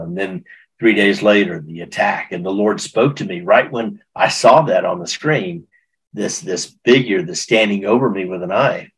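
A man's voice: low-pitched, husky, poor audio. A middle-aged man recounting a personal testimony in an interview, earnest and emotional, often restarting his sentences. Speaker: guest.

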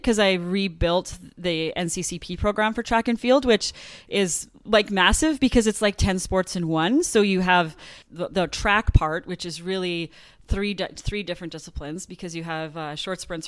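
Woman, from Canada, thirties, lowish smooth voice, dry close sound, chatty interview guest. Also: normal speed, no echo. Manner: animated, laughs often, many fillers like "like". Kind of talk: conversational interview.

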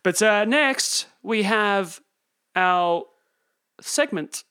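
A man co-hosting a podcast, briefly talking in a slow, stiff, robot-like voice. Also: high-pitched, animated, bright, forceful tone, clean tone. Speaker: podcast co-host. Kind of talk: casual podcast chat.

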